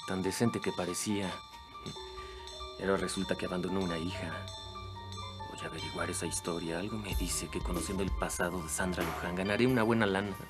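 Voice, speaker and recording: A man's voice: sits low, steady tone, fairly quick, close to an everyday voice. A man playing a sly muttering schemer. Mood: sly scheming. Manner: sly, muttering asides to himself. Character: scheming male eavesdropper plotting blackmail. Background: soap opera background music.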